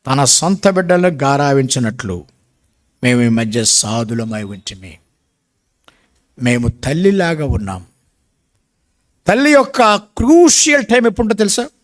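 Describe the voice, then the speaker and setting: An older man delivers a sermon. His voice sits a touch high and leaps up and down with great animation. He presses his points hard and climbs to shouts when he wants to drive one home. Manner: emphatic, rising to shouts at key points. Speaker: preacher.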